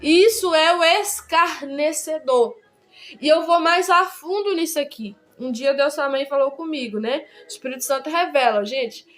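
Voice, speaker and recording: A woman gives a casual Bible study. Her voice sits high, and she talks in a chatty, repetitive way, checking in with her listeners often. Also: normal speed, a bit bright. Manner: chatty, repeats words, many tag questions. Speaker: Bible teacher.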